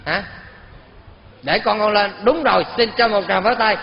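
A man's voice: high-pitched, moderate pace, creaky, a little hiss or hum. A man with a Southern Vietnamese accent, a Buddhist teacher telling a parable in a sermon and keeping the audience involved with questions. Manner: lively, keeps quizzing the audience. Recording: dull sound in a reverberant hall.

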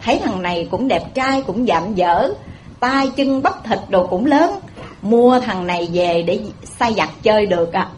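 A woman's voice: medium pitch, a little slow, a little mellow, a little hiss or hum, close to an everyday voice. A woman with a Southern Vietnamese accent voicing a naive rustic farmer husband who is eager and pleased with himself.

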